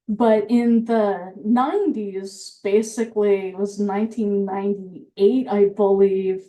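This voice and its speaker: A woman with a medium-pitched, dark-toned voice works as a compliance engineer and gives a methodical technical presentation. She explains things with frequent fillers, and she has the hiccups.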